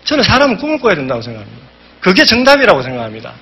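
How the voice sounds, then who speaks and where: A business seminar speaker gives an emphatic motivational talk, telling animated stories and acting out quotes. His voice is high and slightly rough, and he speaks very fast.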